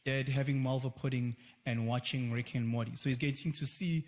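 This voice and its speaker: A South African man talks animatedly as a guest, dipping into quick quoted voices as he makes his points. His voice sits at an ordinary pitch. A long reverberant tail hangs on every word. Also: fairly even intonation. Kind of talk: casual conversation.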